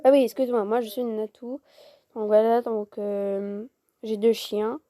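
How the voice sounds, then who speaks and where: Woman, high voice, dry close sound, casual game commentary, swears, mock-formal. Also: level tone, normal speed, mellow, dry recording. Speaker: gameplay video host.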